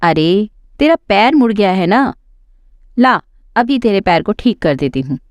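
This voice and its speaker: A woman's voice: medium pitch, big pitch swings, unhurried, no room sound. A woman voicing a quarrelsome, scornful older mother-in-law who taunts and scolds. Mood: scolding.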